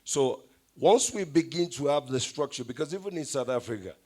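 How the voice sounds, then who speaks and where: A man from Nigeria addresses an event audience in a speech of average pitch. He talks in a wry, anecdotal way and now and then slips into Pidgin asides. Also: lively intonation, normal speed, darkish tone. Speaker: event speaker. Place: event hall.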